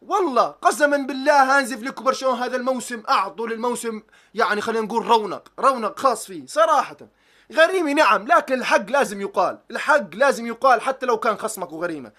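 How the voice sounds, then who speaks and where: Animated high-pitched man ranting. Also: fast. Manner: animated, swearing oaths, mocking tactics talk. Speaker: football reaction vlogger. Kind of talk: excited football reaction rant.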